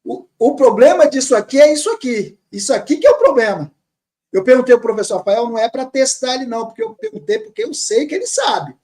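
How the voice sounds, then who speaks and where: A man teaching grammar, reading words slowly from a text and repeating them patiently. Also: extremely high pitch, sing-song, a little mellow. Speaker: teacher of Syriac Aramaic.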